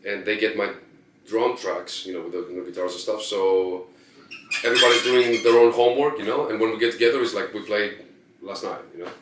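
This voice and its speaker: A drummer with a Greek accent speaks in short, friendly answers with simple phrasing. His voice is on the low side for a man. The sound is roomy and off-mic, with faint background noise. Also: fairly quick, distant mic. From Greece. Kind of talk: backstage interview.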